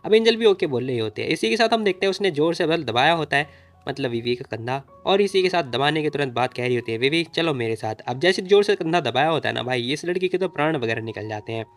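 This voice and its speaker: A man narrates a comic story in a chatty, informal way and keeps calling the listener brother. He talks very fast in a somewhat high voice. Faint music plays underneath. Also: expressive. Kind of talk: casual story recap narration.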